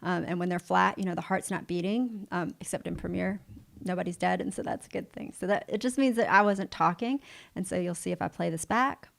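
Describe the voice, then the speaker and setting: A woman giving a livestream software tutorial, upbeat and encouraging, talking straight to the viewer as she walks through each step. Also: on the low side, brisk, vocal fry. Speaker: video editing instructor.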